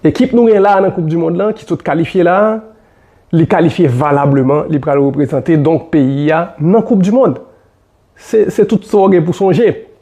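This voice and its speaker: A man with a Haitian accent, giving solo football commentary in an animated way, repeating his points with many fillers. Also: fairly high pitch, normal speed.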